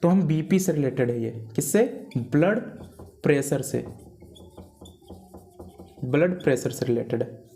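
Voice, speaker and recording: A man's voice: fairly high pitch, lively intonation, measured pace, creaky, long pauses, dark tone, a little hiss or hum. Male teacher quizzing with rhetorical questions. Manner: keeps asking rhetorical questions and repeating terms, calls students "beta"; spells out terms letter by letter. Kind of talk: Hinglish classroom biology lecture.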